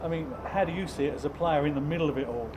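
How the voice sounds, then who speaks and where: A man reporting from the stands with a somewhat high voice, chatty and prone to stumbling restarts. He holds the mic out toward his guest, off camera. Outdoor noise is clearly heard behind him. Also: racing. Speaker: club TV reporter. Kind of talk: post-match interview questions. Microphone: handheld mic, off-camera.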